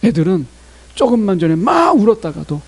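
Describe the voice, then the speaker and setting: A man preaching a sermon as pastor, talking straight to his congregation in an animated way. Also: sits high, fairly quick, breathy edge.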